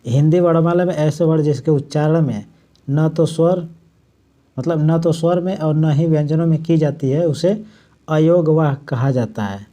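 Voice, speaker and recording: Guy teaching hindi grammar for exams, kinda high but mellow voice, says every example slow and stretched out. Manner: explains step by step, repeating points with "matlab"; draws out example words slowly. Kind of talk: exam-prep grammar lesson.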